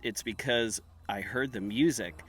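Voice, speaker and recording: A man's voice: mid-range voice, measured pace, breathy edge. A man co-hosting a podcast in casual chat, often hesitant and checking his own memory. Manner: hesitant, second-guessing himself. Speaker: podcast co-host.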